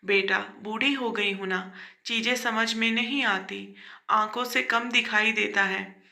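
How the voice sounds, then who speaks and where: A woman's voice: a little high, fairly even intonation, measured pace, pushed and bright, reverberant, heavily acted. A woman voicing an elderly, patient and loving mother in a storybook tale. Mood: pleading.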